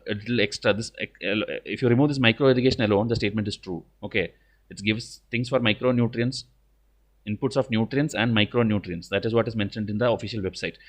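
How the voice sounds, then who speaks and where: An Indian-accented man lectures informally as an exam coach. He talks rapidly in a slightly low voice. His delivery is blunt, stern and didactic, peppered with "okay". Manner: repeats "okay" as a verbal tic.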